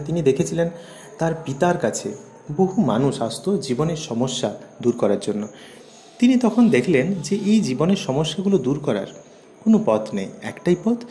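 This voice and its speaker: A man's voice: medium pitch, dark tone, echoey room. A man teaching a poem line by line, asking questions and answering them himself. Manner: asks and answers his own questions.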